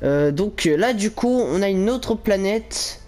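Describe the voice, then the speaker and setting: A man's voice: high-pitched, lively intonation, unhurried, darkish tone. A young man giving casual let's-play commentary, rambling with lots of fillers and little laughs. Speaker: gaming YouTuber.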